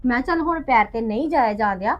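A woman's voice: on the high side, animated, fast talker, natural voice. An actress playing an aggrieved village woman who rambles through complaints about her in-laws, quoting them as she goes. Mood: indignant. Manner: indignant, rambling complaint with quoted asides. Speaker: actor in a short film. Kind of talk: village family drama. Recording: dull lo-fi sound with faint music.

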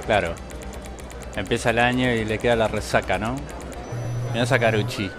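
A man with a Rioplatense accent giving excitable, mocking gameplay commentary and swearing often. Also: on the low side, moderate pace. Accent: Rioplatense Spanish. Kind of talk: casual let's-play commentary. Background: game music and gunfire.

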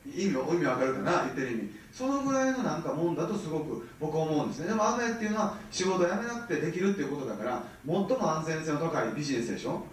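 Kansai man in his 30s, fast and lively seminar speaker, recorded far off in a very echoey hall. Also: on the high side, a little hiss or hum. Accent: Kansai Japanese. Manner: animated, keeps checking the audience with rhetorical questions. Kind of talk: motivational seminar talk.

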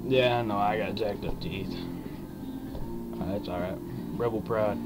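Speaking through a lip full of dip, a young man reviews it in a rambling, casual chat to camera, his fairly low voice staying fairly even as he drawls and hesitates in a folksy way. Country music plays behind him in the small wood-panelled room, captured roughly by a webcam mic an arm's length off.

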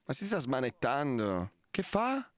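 A man's voice: mid-range voice, wildly swooping pitch, a little slow, no echo, clean studio sound. A man live streaming late at night, ranting in exasperation and swearing at a prank.

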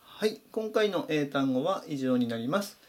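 A man teaching English vocabulary in Japanese, saying each word slowly and clearly in a voice-over lesson. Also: fairly high pitch, animated. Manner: slow, careful spelled-out pronunciation of English words.

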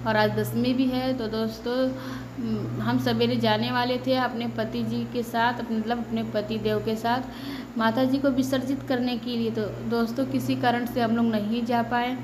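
A woman's voice: fairly high pitch, flat delivery, moderate pace, noisy background. A woman in her thirties, a mother and vlogger, speaking in a tearful, prayerful way about her family and her daughters. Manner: tearful prayerful speech, shouting at children. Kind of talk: casual devotional family vlog.

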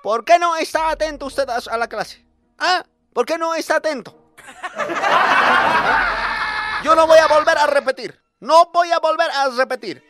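A man's voice: very high-pitched, normal speed, music in the background. A man playing a strict, pompous male schoolteacher who scolds students and repeats himself. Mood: stern.

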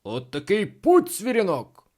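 A man voicing a grumpy, scornful male captain in a storybook reading, speaking gruffly and dismissively. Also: high-pitched, huge pitch swings, unhurried, a little mellow, voice pushed up, exaggerated voice. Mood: angry.

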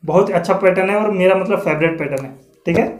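A man teaching tabla online, patiently explaining and slowly reciting drum syllables. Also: high-pitched. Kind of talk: online music lesson. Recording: echoey room with loud tabla. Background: tabla playing.

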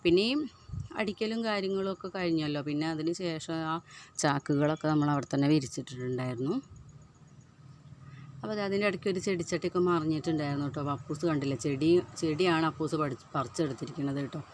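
Recovering from a tooth extraction, a Kerala housewife talks through her household chores for her home vlog, chatty and fond of adding "you know?" to her sentences. Her voice is low with a darkish tone, and she speaks fast; slight hiss or hum is present.

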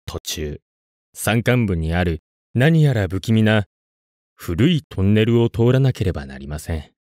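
A man narrating a scripted ghost story in a suspenseful, dramatic way, with deliberate pauses. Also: fairly low pitch, a little mellow, no room sound, studio quality.

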